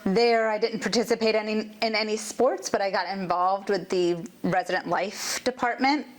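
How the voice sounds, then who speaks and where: A woman's voice: medium pitch, steady tone, normal speed. A woman judge from Maryland, talking casually about her childhood and school years, laughing easily. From Maryland, USA. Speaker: judge, interview guest. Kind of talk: casual interview conversation.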